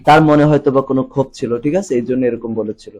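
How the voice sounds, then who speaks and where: A man's voice: medium pitch, steady tone, rapid-fire, darkish tone, breathy edge. A young man from Bangladesh teaching an exam-prep lesson, talking conversationally and checking in with his students as he goes.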